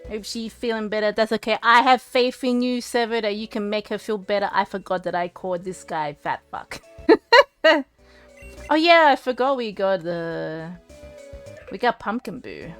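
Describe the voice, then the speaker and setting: A woman's voice: mid-range voice, animated, moderate pace, fairly bright tone, clear, resonant tone, faint music behind. A woman streaming from home, chatting casually and rambling to her chat while fixing her setup, close to a desk mic.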